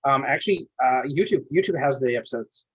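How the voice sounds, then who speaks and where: Fast-talking husky man, lo-fi sound. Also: mid-range voice. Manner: rambling, eager, restarts a lot. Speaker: podcast co-host. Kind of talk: casual chat. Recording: dull lo-fi recording.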